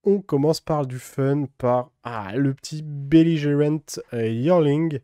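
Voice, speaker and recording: A man hosting a casual card-pack opening, speaking slowly with many fillers and reading card names. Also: on the high side, smooth, no echo, clean studio sound. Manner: relaxed, many fillers, reads card names slowly in a put-on English accent. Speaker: card-opening video host. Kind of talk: casual unboxing commentary.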